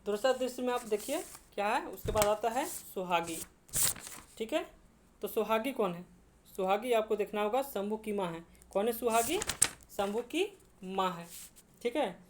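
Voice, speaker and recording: A woman's voice: mid-range voice, lively intonation, normal speed, long pauses, a little mellow, slight background noise. Woman teacher explaining a play line by line. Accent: Jharkhand. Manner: repeats and translates each line, frequent "ठीक है" checks. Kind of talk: exam-prep lesson explaining a play.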